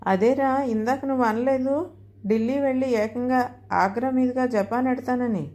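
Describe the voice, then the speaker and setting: A woman's voice: fairly high pitch, fairly even intonation, moderate pace, warm tone, pitched above the performer's own voice, close to an everyday voice. Woman voicing a fussy old mother-in-law. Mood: pleading. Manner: chiding, pleading, easily confused. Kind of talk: storybook dialogue.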